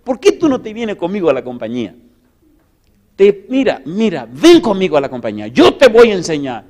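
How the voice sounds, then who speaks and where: A man's voice: high voice, wildly swooping pitch, fairly quick, darkish tone. A man voicing a confident, genial male sales executive, hearty and inviting. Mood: eager.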